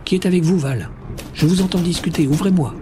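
A man voicing a male village mayor who calls out loudly and urgently through a door. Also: high voice, a little fast, noisy background, voice pushed up, natural voice. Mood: insistent. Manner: loud, urgent calling.

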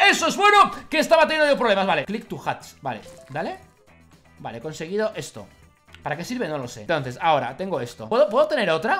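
Young spanish guy streaming a game, bright tense voice, jumps all over in pitch, yells a lot, faint music behind. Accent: Spain Spanish. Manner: excitable, bursts into shouts and laughter. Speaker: gaming YouTuber. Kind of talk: let's-play commentary.

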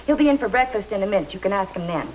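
An actress playing a patient young mother in a 1950s television sitcom, coaxing and gently teasing. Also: medium pitch, expressive, racing, lightly acted. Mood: motherly, coaxing. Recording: noisy 1950s TV soundtrack, audience sound.

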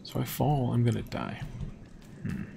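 A young man commentating a game casually, thinking aloud and dropping to hushed tones when nervous. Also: mid-range voice, sing-song, a little slow, vocal fry, noisy background. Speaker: gameplay commentator. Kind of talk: casual let's-play commentary.

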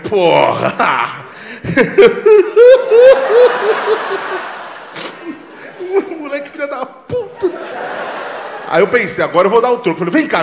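A Brazilian man, probably in his forties, doing a stand-up comedy set, telling stories loudly and acting out the dialogue with lots of swearing, on a handheld mic on a club stage. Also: high-pitched, a little hiss or hum. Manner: loud, animated storytelling with acted-out dialogue and swearing. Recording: roomy club sound.

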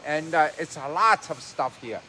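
A middle-aged man, giving a live walkthrough of a warehouse, halting with many fillers and repeated words. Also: on the high side, expressive, a crowd in the background. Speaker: company executive giving a tour. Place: large warehouse, indoors. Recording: noisy warehouse ambience.

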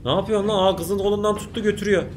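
A man's voice: sits high, fairly even intonation, very fast. A man commentating casually on a video he is watching, jumpy and exclaiming at the screen. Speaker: YouTuber reacting to a video.

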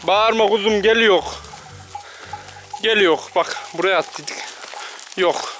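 A vlogger herding livestock talks slowly in a high-pitched voice, calling to his animals again and again to coax or scold them. His casual commentary to camera includes jokes for viewers, recorded outdoors on a pasture with background music and animals audible.

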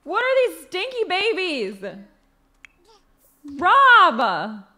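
A young woman commenting casually on a life-simulation game she is playing, expressive and quick to shriek and laugh. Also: very high-pitched. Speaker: gaming video host.

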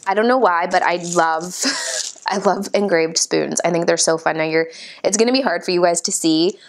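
A woman chatting casually as she unboxes a subscription box, amused and laughing often as she reads out each item. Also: medium pitch. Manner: amused, giggly, reads items out. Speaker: unboxing vlogger.

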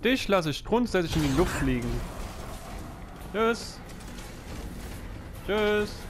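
A man's voice: on the high side, very animated, a little fast, noisy background. A man giving casual let's play commentary, muttering to himself and swearing now and then. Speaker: let's player.

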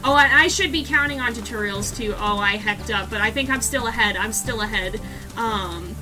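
Fast-talking girl streaming a speedrun, kinda high voice, music going under her. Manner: fast-talking, excitable, repeats phrases. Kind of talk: live gameplay commentary. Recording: game music in the background.

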